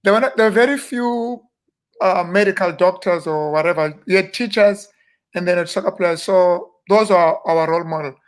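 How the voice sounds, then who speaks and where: South African man reminiscing, fairly high voice. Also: moderate pace, clean tone. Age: 50s. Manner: relaxed storytelling with self-deprecating humor. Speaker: guest minister. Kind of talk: casual interview reminiscing.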